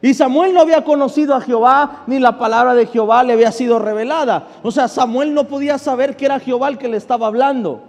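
This pastor's voice is very high-pitched and a little mellow, moving quickly with few pauses. Reading scripture one verse at a time, he asks questions, answers them himself, and invites congregational response, all over long reverb and faint background music.

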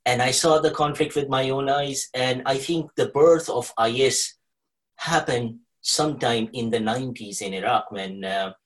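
Speaking at normal speed with a medium-pitched voice, a Kuwaiti podcast guest explains things conversationally and discursively. He is a researcher who holds a journalism degree.

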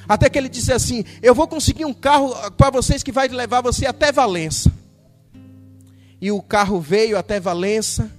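Brief: Brazilian male pastor, very high voice, animated sermon storytelling, soft guitar underneath. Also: big-room sound. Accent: Brazilian Portuguese. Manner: animated storytelling, acting out dialogue.

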